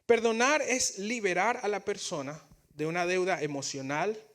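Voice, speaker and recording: A man's voice: sits high, moderate pace, a bit bright. A male pastor preaching a sermon in Spanish. He is earnest and often repeats words or restarts as he builds his points.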